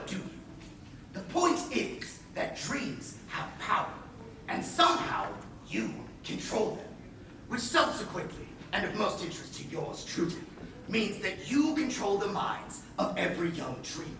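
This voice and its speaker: Grandiose, swooping pirate captain in echoey theatre. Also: male voice, high-pitched, huge pitch swings, a bit bright, exaggerated voice. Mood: persuasive. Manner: grandiose, wry, deliberate with swooping emphasis. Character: scheming theatrical male pirate captain, smug and menacing. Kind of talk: projected stage-play acting. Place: indoor playhouse stage. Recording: echoey theatre, far mic, faint noise.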